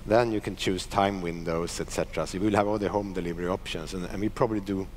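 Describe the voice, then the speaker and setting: Executive panelist, middle-aged man, deep, confident, headset mic. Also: fairly even intonation, quick pace, darkish tone, a little hiss or hum. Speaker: panelist, company chief. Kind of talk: panel discussion. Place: conference stage.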